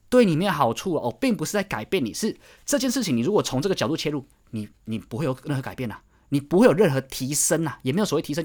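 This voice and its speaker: A man's voice: on the high side, a little mellow. A man giving a motivational monologue to camera, preachy and pressing, repeating phrases and firing rhetorical questions. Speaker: vlogger.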